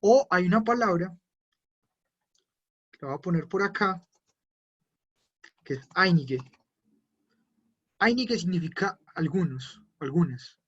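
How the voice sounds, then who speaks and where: A male German teacher with a fairly high, husky voice runs a live online language lesson, patiently explaining each point and taking viewers' questions as they arrive. He's expressive at a moderate pace, pausing often. The audio is dull and lo-fi, like a computer mic.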